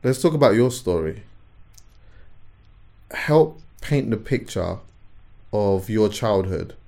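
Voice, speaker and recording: A man's voice: fairly low pitch, expressive, slow pace, vocal fry, dark tone. A man hosting a podcast, asking searching questions and listening attentively. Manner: attentive, with short backchannel replies and searching questions. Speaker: podcast host. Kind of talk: conversational interview.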